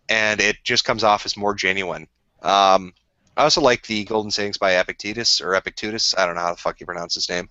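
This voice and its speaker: A man from Minnesota with a Minnesota accent, a bit drunk and talking crudely on a livestream. His voice is bright and a little low, and the dull, lo-fi audio sounds dry and close. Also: no room sound. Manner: crude, rambling, laughs often. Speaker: streamer. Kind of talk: casual livestream chat.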